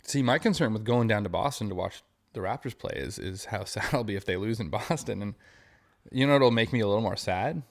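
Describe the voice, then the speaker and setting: A man's voice: fairly low pitch, a little fast. A man co-hosting a casual sports podcast, rambling with many fillers and restarts. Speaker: podcast co-host.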